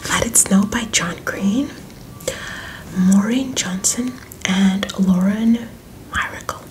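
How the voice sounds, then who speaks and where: A young woman in a whispered role-play as a friendly, helpful librarian, speaking in a soft library whisper. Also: mid-range voice, takes it slowly, background noise. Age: young adult. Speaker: ASMR performer playing a librarian. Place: small indoor room with bookshelves.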